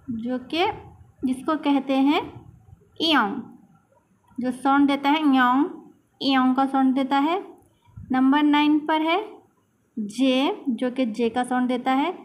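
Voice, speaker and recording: Woman, high voice, slow tutorial talk, repeats each sound. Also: slight background noise. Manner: slow, repetitive, pausing to sound out letters. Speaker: language teacher. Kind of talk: casual tutorial explanation.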